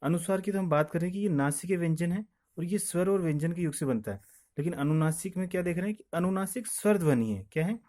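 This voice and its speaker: A man's voice: a little high, lively intonation, fast, warm tone. A man teaching grammar, who repeats each point and asks questions that he then answers himself. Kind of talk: classroom explanation with questions and answers.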